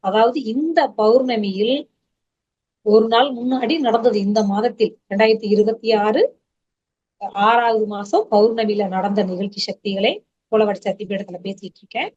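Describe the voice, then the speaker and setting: A woman's voice: mid-range voice, steady tone, normal speed, darkish tone. A middle-aged woman giving an earnest, fervent spoken testimony, her voice rising with feeling. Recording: dull lo-fi sound.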